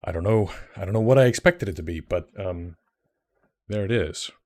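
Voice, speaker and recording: A young Icelandic man speaks English as a second language on a casual livestream, his voice sitting very low at a moderate pace. He rambles warmly, full of fillers and restarts, and gets excited about what he's showing.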